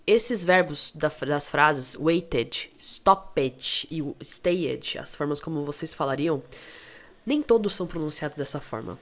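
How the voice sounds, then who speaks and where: A Brazilian woman with a low voice and a Brazilian Portuguese accent gives an online English lesson over her screen. She is chatty and encouraging and keeps checking in with quick questions. Her tone is relaxed and plain, like a teacher talking to her own students.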